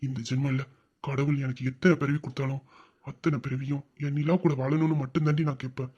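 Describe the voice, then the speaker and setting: A man's voice: high-pitched, quick pace, darkish tone, lo-fi sound. A man voicing a loving young husband in a romantic audio drama, speaking in an earnest, reassuring and teasing way. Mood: tender, soft.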